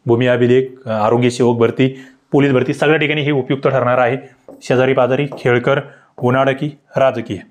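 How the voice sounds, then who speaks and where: A man tutoring for government job exams, explaining grammar questions to viewers with rhetorical questions and sharp upward leaps in pitch on key words. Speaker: exam-prep tutor. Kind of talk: online grammar lesson.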